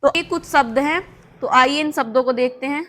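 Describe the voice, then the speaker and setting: Lady teaching shorthand, high bright voice, patient step by step, dry close sound. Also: a little fast, no room sound. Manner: patient, repeats steps with "thik hai" checks. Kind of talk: explaining while writing on a board.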